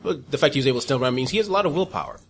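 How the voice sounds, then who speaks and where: A man running a tabletop game as game master, calmly describing the scene with some restarts. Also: mid-range voice, very fast, noisy background.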